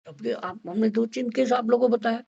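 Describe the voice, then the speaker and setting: A man's voice: very high-pitched, a little fast, vocal fry, mellow, breathy edge. A man lecturing a class on homeopathy, mixing in English and constantly checking whether his students follow. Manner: mixes English into explanations. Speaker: homeopathy teacher. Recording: dull lo-fi recording.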